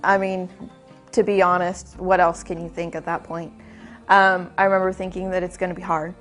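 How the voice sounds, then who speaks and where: A woman's voice: fairly low pitch, little pitch movement, moderate pace, soft background music. A woman in her twenties, speaking candidly in a conversational interview. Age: 20s. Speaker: patient interviewee.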